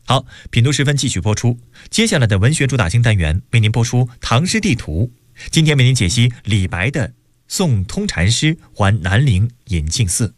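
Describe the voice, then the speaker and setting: A man narrating a novel on radio and announcing the next program in a highly animated, dramatic way. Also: moderate pace, no echo.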